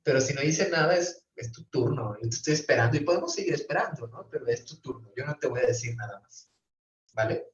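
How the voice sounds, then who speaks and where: A professor of brief therapy teaches a class online, explaining things step by step and often checking in with his students. His mid-range voice is expressive and fast, picked up by a computer mic on a video call that sounds roomy, distant, and dull.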